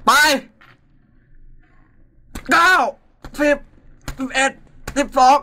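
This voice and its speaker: A young man hosting a casual live voice-chat stream as a DJ, excitable, often shouting and laughing and tacking polite particles onto his sentences. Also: very slow. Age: young adult. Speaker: online voice-chat DJ. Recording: loud music playing behind the voice. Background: music.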